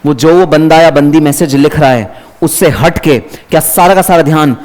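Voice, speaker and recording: A man teaching an exam revision lecture, chatty and lively, talking straight to his students. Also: on the high side, moderate pace. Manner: lively, chatty, addresses students by name, mixes English terms.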